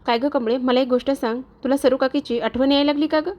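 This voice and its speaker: A woman voicing a caring young girl gently coaxing her friend in a retold TV serial. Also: high-pitched, steady tone, fast talker, dull audio, close to an everyday voice.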